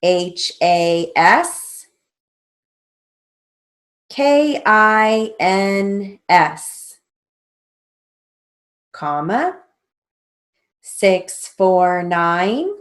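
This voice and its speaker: A middle-aged woman teacher dictating a lesson, spelling out letters and punctuation deliberately. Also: mid-range voice. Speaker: stenography theory teacher. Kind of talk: instructional lesson with slow dictation. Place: indoors, small room with a plain wall.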